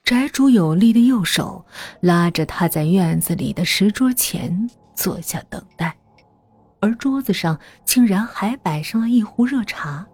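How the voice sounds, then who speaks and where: A woman narrating a scripted horror story in a slow, hushed, half-whispered voice. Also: medium pitch, lively intonation, breathy edge.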